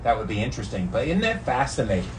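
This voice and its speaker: Big pitch swings and a quick pace mark this American man's medium-pitched voice as he vlogs from ice-cold water. It's his daily challenge, and he rambles enthusiastically with slang and emphasis, recorded on a distant mic with faint noise behind him.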